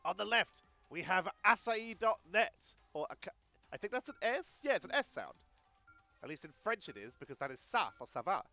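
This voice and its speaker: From a home setup, a male esports caster gives solo play-by-play, chatty and thinking aloud between calls. His high voice is cold-stuffed and nasal, sing-song, sharp, and a little fast, with soft background music.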